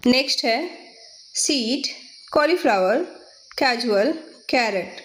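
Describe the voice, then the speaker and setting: A woman with an Indian accent teaches English spellings for exams, spelling words letter by letter and confirming with "theek hai." Her voice is on the high side, animated and slow.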